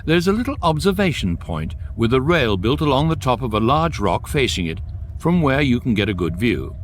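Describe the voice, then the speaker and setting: An actor playing a talking electronic guidebook in a radio comedy, narrating in a measured, lofty and dry way. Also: male voice, mid-range voice, sing-song, a little hiss or hum, lightly acted. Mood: lofty, wry. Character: male talking electronic guidebook, wry, grand and unflappable. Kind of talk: scripted comic narration.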